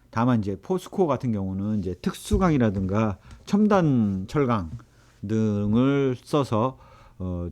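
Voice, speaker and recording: A man's voice: fairly low pitch, a little mellow. A man giving a recorded economics lecture, explaining at length with frequent fillers and self-corrections.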